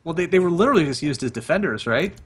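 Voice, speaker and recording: A man casting a strategy game, calling each move in quick play-by-play commentary. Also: fairly high pitch, animated, slight background noise. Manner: rapid-fire calls of each move. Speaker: esports caster.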